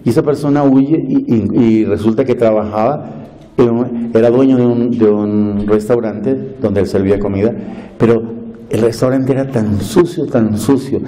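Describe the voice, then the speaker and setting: Impassioned preacher man, dark voice. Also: mid-range voice, low-quality recording. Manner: impassioned, swinging from hushed to loud; slow, drawn-out phrasing. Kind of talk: sermon.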